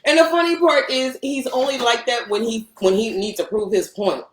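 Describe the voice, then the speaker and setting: Animated woman reading comments in a roomy space. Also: fairly high pitch, moderate pace. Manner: animated, teasing, reads comments aloud. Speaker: co-host of a couple's live stream. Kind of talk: casual live-stream chat reading viewer comments. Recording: roomy echo.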